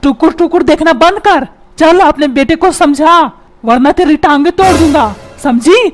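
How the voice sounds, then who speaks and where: A woman voicing a short-tempered middle-aged father in a comic cartoon, scolding and shouting threats in a squeaky, very high voice. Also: moderate pace, lightly acted. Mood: ranting. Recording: music playing loudly underneath.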